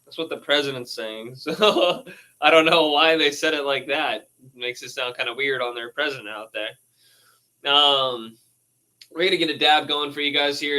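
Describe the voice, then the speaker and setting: A laid-back man riffing on news headlines in a rambling, casual way. His voice is bright and forward, and he swears freely and laughs between his asides. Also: mid-range voice, poor audio. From United States. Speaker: streamer reading news posts.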